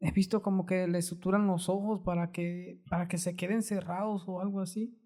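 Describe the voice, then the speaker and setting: A podcast host, chatting casually with a guest, hedging and adding quick asides. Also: mid-range voice, little pitch movement, dark tone. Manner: conversational, hedging, fast asides. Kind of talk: casual interview chat.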